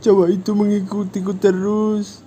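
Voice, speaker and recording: A man voicing a manipulative, cruel young woman from a comic recap, speaking in a mocking falsetto. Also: flat delivery, moderate pace, dark tone, slight background noise, natural voice. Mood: whiny.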